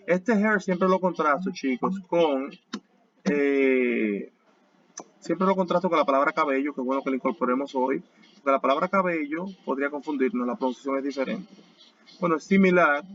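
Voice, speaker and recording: A man teaching a class in a voice that sits somewhat high, with a dull, lo-fi sound. He explains each point step by step and goes over key words slowly and more than once. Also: fairly bright tone. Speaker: English teacher. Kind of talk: online class lecture.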